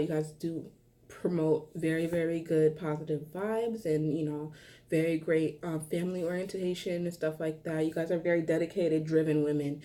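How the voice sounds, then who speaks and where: A young woman with a slightly low voice gives an earnest, heartfelt vlog monologue. She rambles, restarts her sentences and fills pauses with ums. She sounds a little short of breath. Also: a little mellow. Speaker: vlogger. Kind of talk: casual heartfelt monologue to camera.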